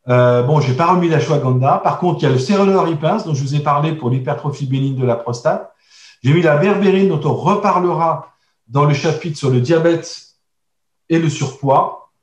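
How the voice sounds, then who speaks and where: A man's voice: fairly high pitch, darkish tone. A man teaching a recorded course on herbal medicine, explaining slides with frequent hesitations, restarts and asides to his listeners. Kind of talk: recorded online lesson with slides. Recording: echoey room, voice a bit distant.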